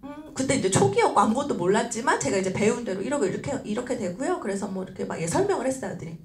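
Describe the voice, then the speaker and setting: A woman giving a seminar talk as a lively story, acting out voices and laughing often. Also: a little high, racing, noisy background. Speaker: speaker at a business seminar. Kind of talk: animated storytelling lecture. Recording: roomy echoey hall.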